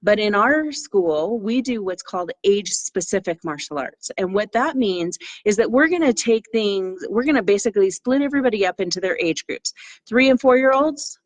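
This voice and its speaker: A woman's voice: mid-range voice, normal speed, hardly any pauses, no echo. A middle-aged woman who owns a martial arts studio, telling stories in a casual, enthusiastic interview and acting out the people she quotes. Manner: enthusiastic, acts out quotes in a lively voice.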